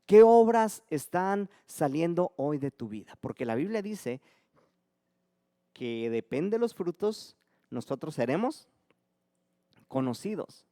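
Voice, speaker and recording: A man preaching a sermon as pastor, swinging between loud emphatic calls and soft, dropped lines. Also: a little high, big pitch swings, slow pace, pauses often, no room sound, studio quality.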